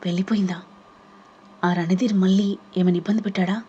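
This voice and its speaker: A woman's voice: medium pitch, fairly even intonation, brisk, mellow, husky, dull audio. Woman doing worried young friend, anxious questions, audio novel.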